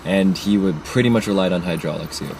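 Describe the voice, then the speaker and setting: A man casually giving opinionated film critique, halting and full of fillers. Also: sits low, gravelly, a little mellow, slight background noise, poor audio. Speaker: movie reviewer. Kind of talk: casual chat.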